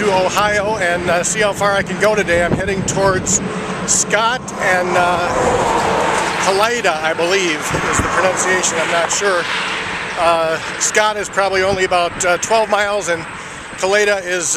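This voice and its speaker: A man walking on rural roads who records a casual video diary and interviews strangers in a halting way, full of "uh" fillers. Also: high voice, steady tone, very noisy. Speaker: walker filming a fundraiser walk.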